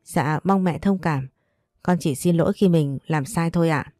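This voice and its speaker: A young pregnant wife stands her ground, as a woman narrator puts her on. She stays respectful and steady, and the voice is low and warm. The recording is dry and close. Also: moderate pace, dry recording, soft background music, lightly acted. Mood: firm. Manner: calm, firm, respectful. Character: pregnant young second wife, firm but polite.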